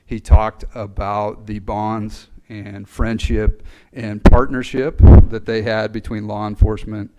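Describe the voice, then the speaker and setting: Low, even-toned man giving a ceremony speech. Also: slow pace, few pauses, slight background noise, rough recording. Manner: earnest, hesitant with fillers. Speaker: fire service speaker at graduation. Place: ceremony hall. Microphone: podium mic.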